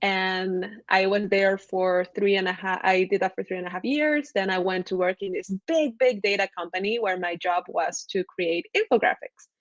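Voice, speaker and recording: A woman's voice: mid-range voice, normal speed, few pauses, dry recording, lo-fi sound. Chatty woman from Ecuador on a call. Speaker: podcast guest, graphic designer. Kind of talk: casual video-call chat.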